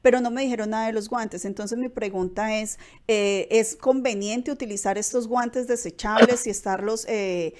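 A woman's voice: fairly high pitch, steady tone, moderate pace, few pauses, darkish tone. A middle-aged woman hosting a live web TV interview from a small studio, asking questions with many fillers and restarts. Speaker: host. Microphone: headphones and studio microphone.

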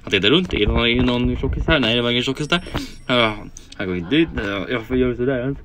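A man's voice: mid-range voice, noisy background. A man giving playful Let's Play commentary, narrating the character's thoughts in jokey asides. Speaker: game commentator.

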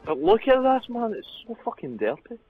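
A man's voice: very high-pitched, moderate pace, narrow, tinny audio, a little hiss or hum. A man chatting casually while playing a video game, joking and swearing a lot. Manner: joking, crude, excitable. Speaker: gamer. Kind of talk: casual gaming chat.

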